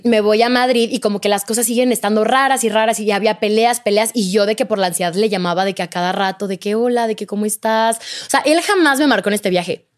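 A young woman, telling a personal story in casual chat, full of fillers and quoted dialogue. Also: mid-range voice. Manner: animated, quotes others, many fillers like "de que" and "o sea". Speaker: podcast guest.

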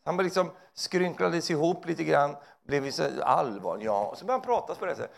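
A male preacher giving a lively, joking sermon, often ending his lines with a quick tag question. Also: fairly high pitch, gravelly. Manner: animated, joking, tags lines with "va?".

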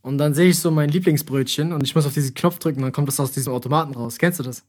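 A man's voice: on the high side, very fast. A young man hosting a casual podcast, joking and telling stories with playful exaggeration. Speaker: podcast host.

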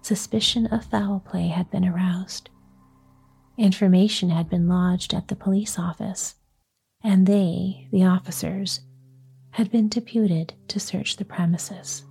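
A woman reading a story aloud in a soft, breathy whisper, storytelling at bedtime. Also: medium pitch, steady tone, takes it slowly, long pauses, soft background music.

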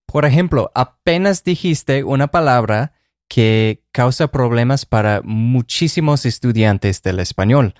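A man co-hosting a conversational Spanish lesson podcast, calmly offering tips and examples. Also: medium pitch, measured pace, dry recording, studio quality. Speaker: co-host of a language podcast.

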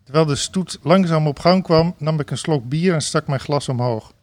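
Guy reading a comic story aloud, high-ish voice, bursts into chanting and laughs, dead dry mic. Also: moderate pace, no room sound. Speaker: reader of a book passage on a talk show.

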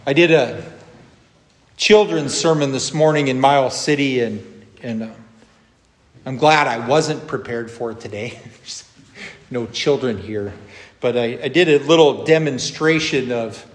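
Slow-preaching pastor in a reverberant church. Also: male voice, medium pitch. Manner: slow, measured preaching with emphatic rises. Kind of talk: sermon. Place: church sanctuary.

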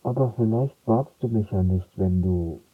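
A man's voice: fairly low pitch, normal speed, husky, no echo. A man voicing a shy young neighbor who speaks hesitantly from behind a wall, sounding muffled. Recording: muffled, phone-like filter.

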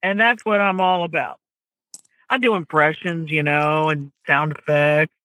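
Low-pitched and measured, the voice belongs to a woman comedian from the American South who speaks with a Southern US accent. She's a chatty, animated interview guest who laughs easily. The recording is rough, with no room sound.

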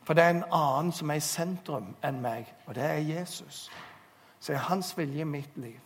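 A man preaching a sermon, telling stories and urging listeners earnestly, recorded in a church hall. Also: on the high side. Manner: storytelling, earnest exhortation. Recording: long hall reverb.

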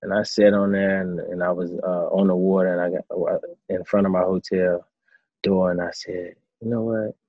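A man in his thirties, a former quarterback turned coach, answering interview questions in a relaxed storytelling way. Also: low-pitched, moderate pace, no echo, lo-fi sound. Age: 30s. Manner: relaxed storytelling, acts out his own past thoughts.

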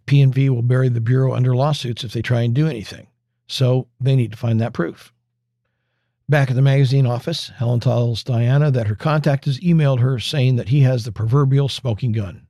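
A man's voice: medium pitch, dark tone, dry recording, clean studio sound. A man hosting a podcast, recapping a TV episode in a wry, conversational way with asides. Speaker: podcast host.

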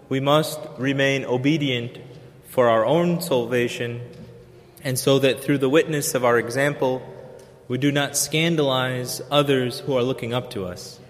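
Man preaching in a reverberant church. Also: medium pitch. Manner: earnest, measured, with pauses. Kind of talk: sermon.

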